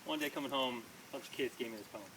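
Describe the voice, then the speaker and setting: This is a man of medium pitch reciting his own poems in rapid-fire fashion at a small live reading for an audience. The performance is rhythmic and forceful, broken up by casual asides, and the recording comes from a distant mic in a noisy room.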